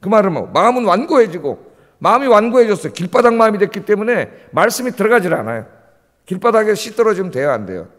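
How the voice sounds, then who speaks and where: A male pastor preaches with a lively, swooping delivery, pressing the congregation with rhetorical questions. His voice sits high for a man and rings out with a long church reverb. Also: quick pace. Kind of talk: early-morning sermon. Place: church sanctuary.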